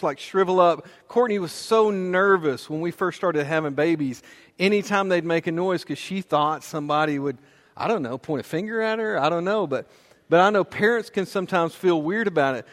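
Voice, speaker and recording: A man preaching a sermon in a relaxed, conversational way, often restarting his sentences. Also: on the high side. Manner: conversational, with fillers and repeated restarts. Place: church auditorium. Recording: long hall reverb.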